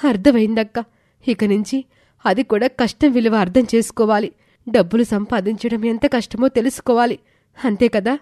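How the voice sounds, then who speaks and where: A woman's voice: on the high side, normal speed, mellow, dry recording, clean studio sound, natural voice. A woman as an earnest caring older sister. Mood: hurt. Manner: earnest and pleading. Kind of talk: audio story dialogue.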